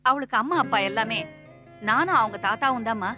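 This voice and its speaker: A woman's voice: fairly high pitch, lively intonation, brisk, music in the background, natural voice. An actress playing a fussy, talkative grandmother who scolds and bickers with her husband in a film. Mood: worried.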